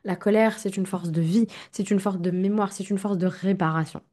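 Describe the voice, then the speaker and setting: Woman therapist hosting a podcast monologue, mid-pitched and warm, direct coaching manner. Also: steady tone, normal speed. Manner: direct, speaks straight to the listener with frequent "ok?". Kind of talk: self-help podcast monologue.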